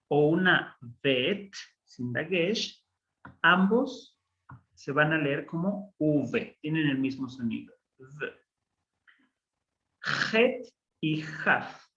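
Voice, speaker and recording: A man teaching a Biblical Hebrew class online, explaining slowly and patiently with frequent pauses and fillers. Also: a little high, sharp tone, highs cut off.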